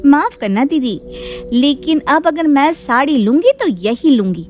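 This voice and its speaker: A woman's voice: high voice, expressive, a little slow, darkish tone, slight background noise. A woman voicing a headstrong younger daughter-in-law who refuses to give way in a cartoon story. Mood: indignant. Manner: stubborn and indignant.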